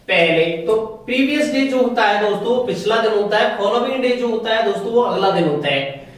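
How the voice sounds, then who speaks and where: A man's voice: very high-pitched, a bit bright. A male English teacher giving a step-by-step grammar lecture, putting questions to his students and answering them himself. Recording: very echoey room, mic far off.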